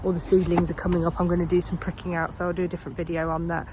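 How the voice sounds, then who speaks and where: Speaking to camera on her allotment, a woman in her thirties with a head cold rambles in a friendly, unscripted vlog, with plenty of ums and restarts. Her lowish voice is completely flat and rapid-fire, and a faint hiss of outdoor noise sits underneath.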